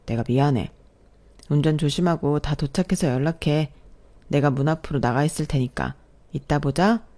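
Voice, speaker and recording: A woman putting on a touchy young boyfriend who answers sharply and then backpedals into defensive pleading. The voice is warm and mellow, with no deep shift, like a line in an audio drama. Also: moderate pace, lightly acted.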